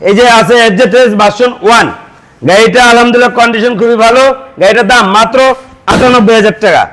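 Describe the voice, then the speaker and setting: Bangladeshi bengali guy, really high voice, doing used bike sales patter, one item after another. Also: fairly even intonation, quick pace, a bit bright, rough recording. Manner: salesman's patter, listing features and prices item by item. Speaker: used motorbike seller. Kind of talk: showroom sales pitch.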